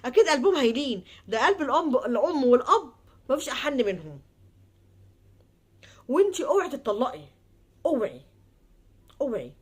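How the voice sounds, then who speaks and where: An Egyptian woman speaking in a heartfelt, pleading monologue before giving advice, repeating herself and trailing off into soft murmurs. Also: high-pitched, sing-song, a little fast, long pauses, breathy edge. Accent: Egyptian Arabic. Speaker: advice vlogger.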